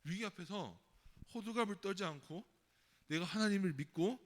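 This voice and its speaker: A man giving a sermon to children in a church, telling a Bible story in a lively way and acting out the frightened crowd. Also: high-pitched, moderate pace. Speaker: children's pastor. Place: church sanctuary. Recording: long hall reverb.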